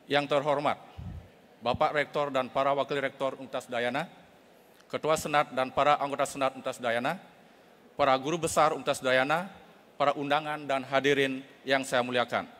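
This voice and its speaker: A middle-aged man, giving a formal, measured academic oration as a professor at a podium microphone. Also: medium pitch, a bit bright. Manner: formal, measured, reads prepared speech. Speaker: professor giving inaugural lecture. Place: large auditorium. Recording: reverberant auditorium hall.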